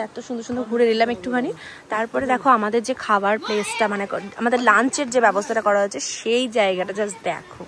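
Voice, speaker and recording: A woman vlogging her hill trip, chatting to viewers as she shows food, rooms and views. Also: a little high. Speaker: travel vlogger. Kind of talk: casual travel vlog narration. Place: outdoors in hills and indoors at homestays. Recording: phone vlog with clear ambient noise.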